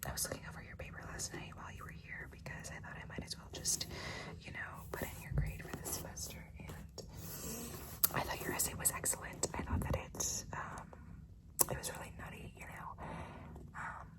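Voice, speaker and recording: Whispering in a fairly quick, secretive way, a woman plays a doting, flirtatious teacher hosting an overnight guest in an ASMR role-play, circling back over hesitant phrases. The low-quality recording was made from a distance.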